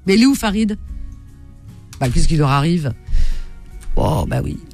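A woman's voice: low-pitched, expressive, measured pace, dark tone, soft background music. A woman hosting a late-night radio call-in show, chatty and full of fillers. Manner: chatty, filler-heavy, lots of hein and euh.

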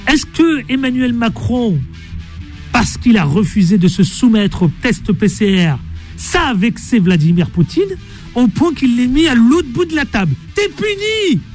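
Man, radio host, teasing, lively, high voice, music faint in studio. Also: measured pace. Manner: chatty, teasing, animated asides. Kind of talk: playful radio show intro.

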